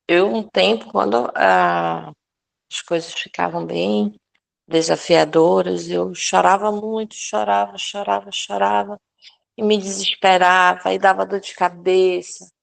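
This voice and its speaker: A woman's voice: on the low side, vocal fry. A woman sharing a personal testimony with a prayer group, talking earnestly with many restarts and fillers.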